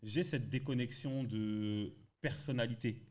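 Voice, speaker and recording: A man from France, a podcast guest, telling a story in lively, slangy casual chat. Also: medium pitch, measured pace.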